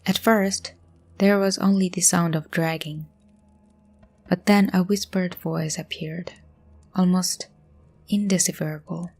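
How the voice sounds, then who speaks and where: A woman narrating a scary story in a hushed voice, often dropping to a whisper. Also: on the low side, steady tone, unhurried, pauses often. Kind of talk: scripted horror story narration.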